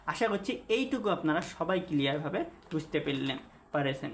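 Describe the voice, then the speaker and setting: Guy teaching grammar at a whiteboard, kinda high voice, keeps asking the class stuff, echoey room. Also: expressive, a little fast, fairly bright tone. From Bangladesh. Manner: asks the class questions and repeats key points. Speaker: English teacher. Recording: echoey room, faint background hiss.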